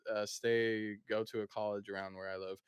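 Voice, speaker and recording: An eighteen-year-old man hosting a podcast, chatting casually and often trailing off quietly. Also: fairly low pitch, level tone, normal speed, clean tone, no echo, studio quality. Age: teens. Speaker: podcast host. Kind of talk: casual chat.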